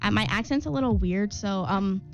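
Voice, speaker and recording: Speaking at medium pitch and a normal speed, this young Long Island woman has a creaky voice as she answers interview questions as a student club president, chatty, eager, and heavy on fillers. The audio is dull, with faint music in the background.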